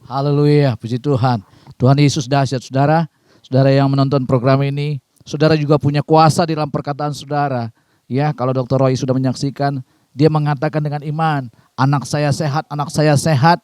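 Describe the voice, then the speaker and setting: A man's voice: mid-range voice, level tone, fairly quick, darkish tone, smooth, no echo, studio quality. Fervent man exhorting viewers. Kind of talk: preaching address to viewers.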